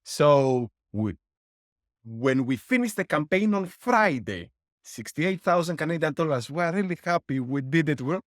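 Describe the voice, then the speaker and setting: A middle-aged board game publisher from Greece answers interview questions as a guest, breaking down costs step by step with worked numbers and lessons. He laughs wryly along the way. His medium-pitched voice is recorded on a dry close mic with no room sound.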